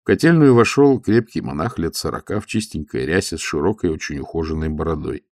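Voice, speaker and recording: A man reads an audiobook in a measured, even way. His voice is very low and gravelly, with a lot of fry. The recording is dry and close, with no room around it. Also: dry recording. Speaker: narrator. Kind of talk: audiobook narration.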